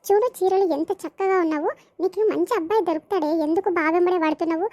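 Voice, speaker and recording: Lady doing a scolding village mom, high pitched, talks fast. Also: warm tone. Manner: scolding, lecturing. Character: middle-aged mother, stern and scolding. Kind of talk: animated village comedy voicing.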